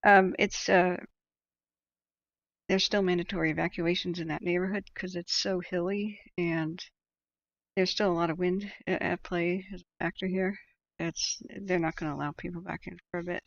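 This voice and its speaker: Female American livestream host: off-the-cuff commentary, creaky voice, thinking aloud, slightly dull close recording. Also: fairly low pitch, steady tone, normal speed, no room sound. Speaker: livestream host tracking wildfires. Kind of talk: casual live commentary, reading viewer comments aloud. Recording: dull, muffled close microphone.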